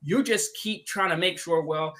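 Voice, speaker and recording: A man co-hosting a live podcast, ranting in an animated way with frequent laughter and many restarts. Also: on the high side, moderate pace, low-quality recording. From United States. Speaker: podcast co-host.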